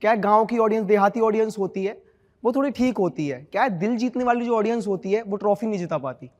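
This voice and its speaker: A man's voice: high voice, fast talker, darkish tone, long reverb tail. A man doing a self-deprecating stand-up set on a comedy show stage.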